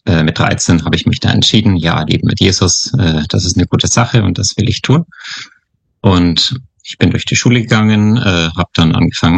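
A man in his thirties from Upper Franconia speaks as a guest on a podcast interview. His voice is low, gravelly and a little husky, and he talks calmly with small hesitations. The recording is dry and close. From Upper Franconia, Germany. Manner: calm, quiet, hesitant with fillers. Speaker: missionary guest.

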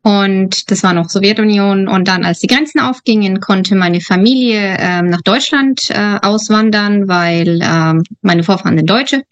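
A woman's voice: mid-range voice, unhurried, few pauses, no room sound, muffled recording. Earnest woman missionary, dry close sound. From Uzbekistan, raised in Germany. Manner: thoughtful, earnest, with fillers. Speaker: missionary guest. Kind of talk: podcast interview.

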